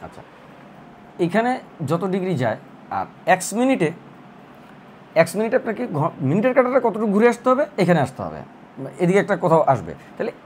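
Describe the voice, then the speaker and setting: Male math tutor, high voice, lively pitch, step-by-step explaining, faint background hum. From Bangladesh. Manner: explains slowly step by step, thinking aloud as he draws. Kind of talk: recorded math lesson.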